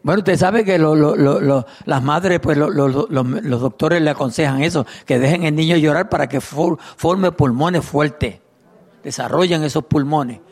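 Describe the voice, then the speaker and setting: A man's voice: a little high, normal speed. A middle-aged man preaching a fervent sermon as pastor, reading scripture aloud and calling out praise to his congregation. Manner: reads scripture aloud and addresses the congregation directly.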